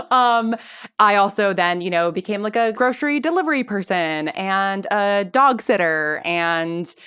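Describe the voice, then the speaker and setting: Her mid-range voice is bright, forceful, smooth and animated, moving at a measured pace. A woman in her thirties, she guests on a podcast as an audio drama creator and actor, rambling conversationally through stories with plenty of "like" and "sort of." The recording is dry and clean, from a studio.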